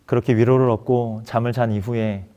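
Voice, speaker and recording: A man's voice: mid-range voice, little pitch movement, fairly quick, mellow. A man preaching a sermon as pastor, earnestly telling a personal story and acting out its dialogue. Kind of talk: sermon testimony.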